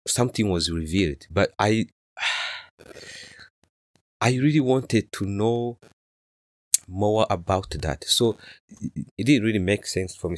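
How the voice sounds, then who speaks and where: A man in his thirties from Rwanda, a native Kinyarwanda speaker, answering interview questions softly and hesitantly with many fillers. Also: deep voice, no room sound, studio quality. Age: 30s. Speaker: interview guest.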